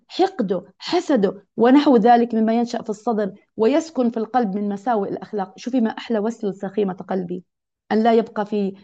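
A woman's voice: medium pitch, dark tone. A woman teaching a religious lesson to other women, earnest and exhorting, repeating key phrases. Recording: dull lo-fi recording.

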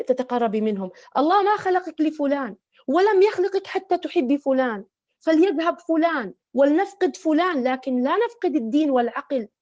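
A woman's voice: high voice, a little mellow, dull audio. A woman giving an earnest religious talk to women, counselling them with repeated, imploring appeals.

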